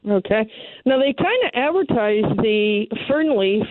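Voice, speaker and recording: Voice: mid-range voice, expressive, a little slow, dry recording. A caller on a radio garden call-in show, heard over the phone, asking questions politely and hesitantly with fillers. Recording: narrow telephone line.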